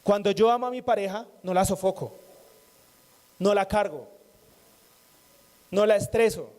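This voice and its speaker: Preaching a sermon to a congregation, a man speaks in a high yet mellow, soft-edged voice at a measured pace. His style is conversational, repeating key phrases and slipping in light jokes.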